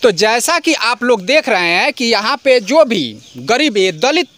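A man's voice: very high-pitched, sing-song, a little slow, pushed and bright. A man reporting from a village embankment, switching between formal Hindi and local dialect as he questions residents. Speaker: channel reporter. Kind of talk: field news reporting.

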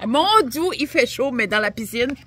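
A woman's voice: fairly high pitch, normal speed, pushed and bright, a little hiss or hum. A woman in her forties with a Québécois French accent, chatting casually on a travel vlog and laughing easily. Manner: bubbly, squeals and laughs easily. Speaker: vlog co-host. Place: car interior, then backyard pool outdoors. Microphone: phone camera at arm's length.

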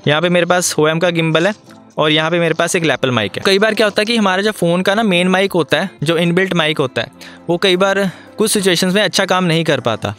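Young male vlogger, high voice, friendly explainer, phone mic with faint music. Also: fast, a bit bright. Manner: chatty, explanatory, addresses viewers as friends. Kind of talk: casual tutorial vlog. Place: inside a moving car, then outdoors by the car. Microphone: phone's built-in mic.

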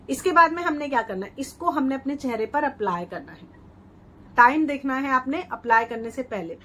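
A woman's voice: high-pitched, a bit bright, slight background noise. A middle-aged woman vlogger giving a chatty, persuasive home-remedy skincare tutorial, often repeating her steps. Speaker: beauty vlogger.

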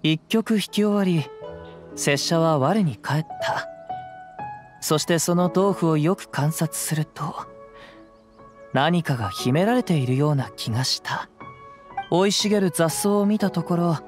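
A male actor playing a gentle, poetic young wandering samurai in a video game, speaking calm, measured, old-fashioned samurai Japanese. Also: fairly high pitch. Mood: calm, reflective. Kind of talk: scripted game dialogue. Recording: clean voice over background music.

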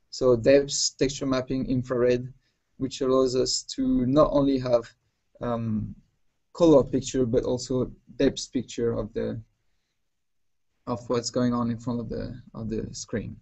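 Slow, halting male presenter. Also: mid-range voice, creaky, a little mellow, highs cut off. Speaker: technical presenter. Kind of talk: unscripted technical presentation.

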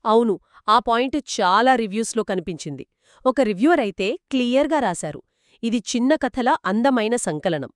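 Woman co-host, book podcast, higher voice, dry close sound, explains reviews. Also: expressive, moderate pace, no echo. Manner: explains and sums up reader reviews.

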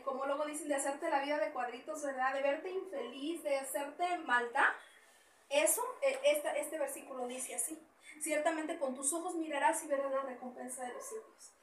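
A middle-aged woman pastor, preaching a sermon and reading scripture, animated and repeating phrases. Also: high-pitched, moderate pace. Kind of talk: Spanish sermon with Bible reading. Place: small church hall indoors. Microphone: far camera, no mic. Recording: echoey room from far off with faint noise.

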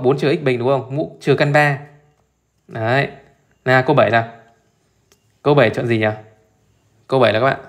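Walking through an exam live, a math teacher speaks at medium pitch with a fairly bright tone. He stays chatty and informal, returning constantly to short questions checking in with his listeners.

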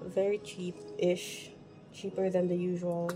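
In her bedroom at home, a young Filipino woman does a casual get-ready-with-me makeup routine as a beauty vlogger, speaking slowly and self-consciously, rambling and restarting many times. Her voice sits low with little pitch movement. The audio is poor, captured by a phone camera at arm's length, with background music.

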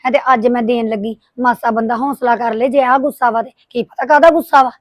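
A woman playing a fast-talking, aggrieved tailor. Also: on the high side, fairly even intonation, no echo, close to an everyday voice. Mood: indignant. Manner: rapid, indignant complaining. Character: aggrieved woman tailor, hurt by gossiping neighbors. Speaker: boutique tailor with young children. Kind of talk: domestic drama acting.

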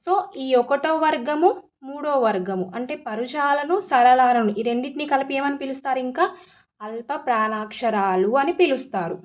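Lady teacher doing exam prep, keeps asking and answering herself, kinda high voice, dull lo-fi sound. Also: moderate pace. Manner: repetitive drilling, asks and answers own questions.

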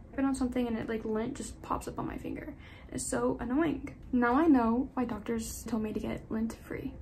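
A woman's voice: on the high side, vocal fry, a little mellow, slight background noise, poor audio. A young woman with a slight lisp, chatting casually at home while getting ready, rambling and self-deprecating. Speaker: vlogger. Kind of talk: casual get-ready-with-me chat. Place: at home, indoors.

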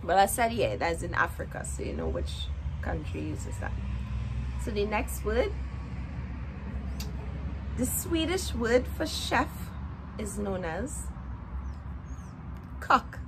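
A woman's voice: medium pitch, very animated, slow, long pauses. A woman in her twenties with a Trinidadian Caribbean accent, chatting casually and playfully to camera in colloquial speech. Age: 20s. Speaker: video creator. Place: outdoor porch beside greenery. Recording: noisy outdoor ambience with vehicle sounds.

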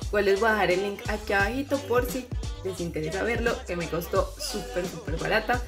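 A woman's voice: medium pitch, a little fast, music in the background. A young woman, chatting casually and informally to her viewers as a vlogger. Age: young adult. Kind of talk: casual vlog chat to camera. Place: parked car, supermarket and home. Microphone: phone at arm's length.

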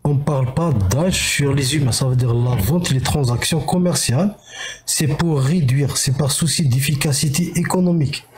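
A man's voice: fairly high pitch, moderate pace, darkish tone, echoey room. A middle-aged man in a heated live-stream debate, lecturing with scornful rhetorical questions over a video call. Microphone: headset, video call.

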